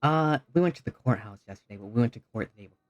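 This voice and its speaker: A player doing a quick, deadpan sidekick. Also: mid-range voice, muffled recording, natural voice. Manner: dry, deadpan quips. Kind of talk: roleplay in a live-streamed game.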